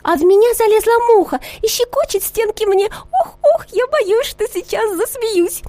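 A plump, ticklish sugar bowl in a storybook. Her sweet voice squeals up very high, sugary and bright. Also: animated, normal speed, no room sound. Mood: giggly. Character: plump, giggly female glass sugar bowl.

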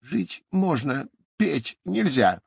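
A woman's voice: deep voice, very animated, extremely slow, gravelly, darkish tone, breathy edge, dry recording, heavily acted. A woman playing a big, stubborn female turtle in a children's audio play, indignant and scolding. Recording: slightly dull recording.

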